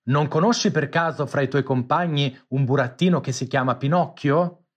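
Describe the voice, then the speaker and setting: A man voicing a large, kind pigeon in a storybook reading, in a calm, plain tone. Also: on the high side, moderate pace, muffled recording, close to an everyday voice.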